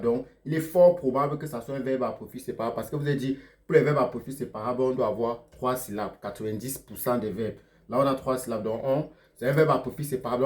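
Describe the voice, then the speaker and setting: A man teaching a lesson, checking in with "ok?" after almost every phrase and slowing down sharply on the words he is teaching. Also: mid-range voice, darkish tone. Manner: slows down sharply to spell out German words. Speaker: German teacher. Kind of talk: explaining lesson to learners.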